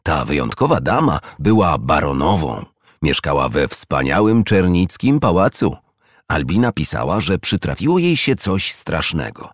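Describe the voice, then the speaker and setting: A man narrating a children's storybook in an expressive read-aloud manner. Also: sits low, moderate pace, dry recording, clean studio sound.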